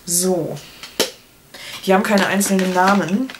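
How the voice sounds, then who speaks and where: A woman in her thirties talks through products in a casual, chatty way. Her pitch is average and she drops in playful asides. She is recorded at home in a small room, with noise behind her. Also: steady tone, unhurried. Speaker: beauty vlogger. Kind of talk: casual product review chat to camera. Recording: clear background noise, clicks.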